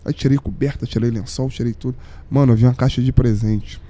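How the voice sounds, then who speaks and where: A man's voice: mid-range voice, fairly even intonation, quick pace, dark tone. A young adult man, a podcast guest telling a moving personal story in slangy, heartfelt chat, sometimes dropping nearly to a whisper. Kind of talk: emotional storytelling in casual chat.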